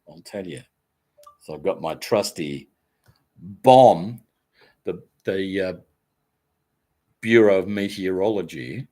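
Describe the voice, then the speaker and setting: An older Australian man who used to be a radio presenter chats casually on a live stream with a lowish voice. He reads out viewer comments in a relaxed, rambling, self-deprecating manner.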